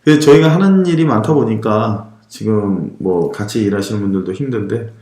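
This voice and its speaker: A man's voice: on the low side, brisk, dark tone, roomy sound. A man hosting a casual chat about property auctions, teasing his co-hosts. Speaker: podcast host.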